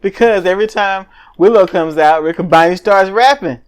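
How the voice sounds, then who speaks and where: A man co-hosting a podcast, chiming in with quick additions and laughs during a casual wrestling review. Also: sits high, clear, resonant tone. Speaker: podcast co-host.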